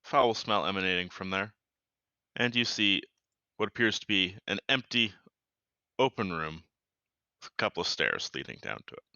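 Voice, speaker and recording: A man's voice: sits low, animated, moderate pace, pauses often, sharp tone, dry recording, lo-fi sound. A man running a tabletop game as game master, describing scenes playfully.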